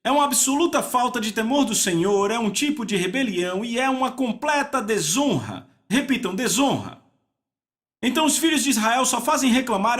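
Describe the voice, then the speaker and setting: A man preaching a sermon, asking the congregation to answer and repeat key words, slowing down on weighty phrases. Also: high-pitched, fairly bright tone. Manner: asks the audience to repeat words and answer back. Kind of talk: dubbed sermon.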